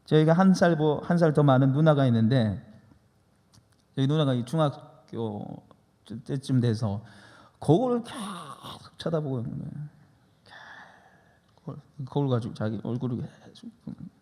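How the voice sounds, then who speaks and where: A man's voice: mid-range voice, expressive, normal speed, long pauses, dark tone. A man preaching a sermon as pastor, emphatic and leading the congregation in repeating lines. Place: church sanctuary. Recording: long church reverb.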